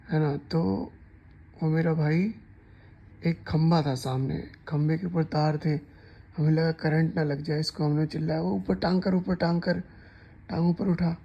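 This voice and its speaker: A man tells a story in a loose, rambling way, often doubling back mid-sentence. His voice sits fairly high but barely rises or falls, with a gravelly edge. The recording sounds slightly dull and lo-fi. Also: mellow. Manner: rambling, chatty, with restarts and asides. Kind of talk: casual storytime narration.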